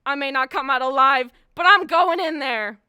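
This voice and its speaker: A woman's voice: sits high, normal speed, pushed and bright, no echo, studio quality. A teenage girl playing a boastful but timid lion in a stage play, blustery and dramatic. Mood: blustering. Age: teens. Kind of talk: high school stage play acting.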